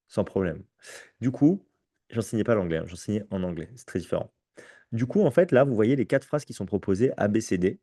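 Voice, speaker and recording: French man giving a mellow, casual lecture. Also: fairly low pitch, creaky, slightly rough, no echo, studio quality. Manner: conversational, addresses audience with frequent "ok?" and restarts. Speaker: prep school teacher presenting exams. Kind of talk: live conference presentation.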